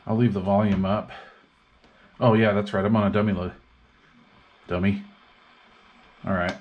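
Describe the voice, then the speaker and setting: The sound is phone-quality: a man with a lowish, level voice at normal speed, thinking aloud while demonstrating radio repair gear. This hobbyist vlogger stays laid-back and slangy at his indoor workbench, and clicks and noise are clearly audible.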